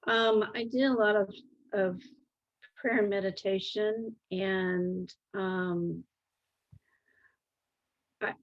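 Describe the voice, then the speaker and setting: A middle-aged or older woman speaking in a calm, gentle, reflective way in an interview, halting as she searches for words. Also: mid-range voice, highs cut off. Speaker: interview guest.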